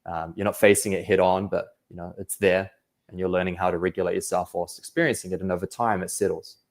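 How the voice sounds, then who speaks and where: Reflective deep-voiced young man. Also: fairly even intonation, fast talker. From New Zealand. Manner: reflective, many fillers. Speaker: anxiety coach guest. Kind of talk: casual podcast interview.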